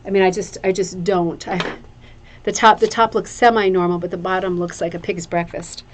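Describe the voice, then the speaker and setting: A woman's voice: lowish voice, level tone, normal speed, a little hiss or hum. Chatty, effusive woman hosting a craft show. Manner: effusive, gushing over items, repeats phrases for emphasis. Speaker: craft show host presenting viewers' hooked rugs. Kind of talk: casual chatty show-and-tell.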